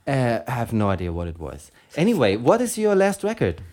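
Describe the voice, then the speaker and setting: A man's voice: medium pitch, huge pitch swings, fairly quick, darkish tone. A man with a German accent, co-hosting a record show in a casual, rambling, chuckling chat. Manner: rambling, self-deprecating, chuckling. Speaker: radio show co-host.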